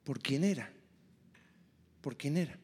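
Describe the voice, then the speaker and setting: Emphatic high-voiced male preacher. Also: lively intonation, takes it slowly, a little mellow, breathy edge, long reverb tail. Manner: emphatic, repeats key phrases. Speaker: pastor. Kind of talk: sermon.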